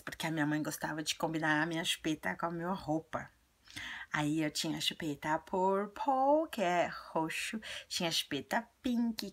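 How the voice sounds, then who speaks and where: A woman voicing an earnest, chatty little girl who tells childlike stories and gives advice in a breathy, often half-whispered voice. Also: deep voice, a bit bright. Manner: childlike storytelling, repetitive. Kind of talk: video monologue in character.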